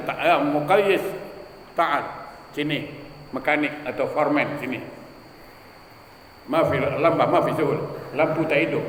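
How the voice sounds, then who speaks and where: Male preacher, high voice, animated storyteller who acts out his characters, recorded in a big echoing hall. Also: a little hiss or hum. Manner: storytelling, acting out quoted voices. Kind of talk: humorous mosque sermon. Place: mosque hall. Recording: echoey mosque hall, faint ambience.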